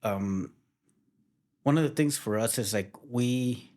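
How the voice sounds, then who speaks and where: A wedding photographer chats in a casual interview, relaxed and plainspoken, often restarting his sentences. His voice is mid-range and he speaks at a slow pace.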